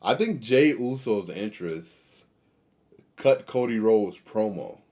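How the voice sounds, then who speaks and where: A young man co-hosting a casual chat, easygoing and agreeable, often trailing off softly. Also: on the low side, lively intonation, slow pace. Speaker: podcast co-host.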